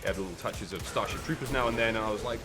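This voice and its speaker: A young man hosting a gaming show, bantering and joking excitedly while he plays. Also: fairly low pitch. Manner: excitable, jokey, quick exclamations. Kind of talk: casual let's-play banter. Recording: game music behind.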